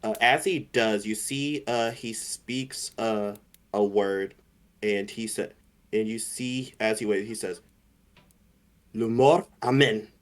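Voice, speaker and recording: Lowish-voiced man narrating game actions. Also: fairly even intonation, slow pace. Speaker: tabletop game player.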